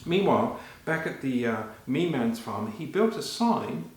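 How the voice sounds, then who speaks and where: A man performing a story live for children, animated and talking to them directly, halting and repeating phrases as he goes. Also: medium pitch. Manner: animated, addressing children with questions. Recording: very echoey, reverberant room.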